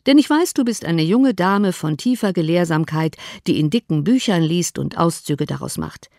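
A woman reading an audiobook, voicing a dry, ironic middle-aged father who teases in a measured way. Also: on the low side, animated, darkish tone, dry recording. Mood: teasing. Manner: measured, wry teasing. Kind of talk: audiobook character voice.

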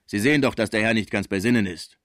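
A man voicing a sturdy, bossy female housekeeper who talks in a brisk, commanding way. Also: fairly low pitch, a bit bright, no room sound, studio quality, close to an everyday voice.

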